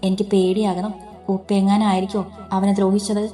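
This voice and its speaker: A woman voicing a frightened, tearful young woman in a spoken story, halting and pleading. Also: medium pitch, little pitch movement, warm tone, soft background music, close to an everyday voice.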